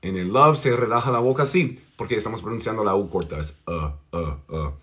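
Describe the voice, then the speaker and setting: A man teaching an English pronunciation lesson, slowly drawing out vowel sounds to demonstrate them. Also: fairly low pitch, lively intonation, fairly bright tone, slight background noise.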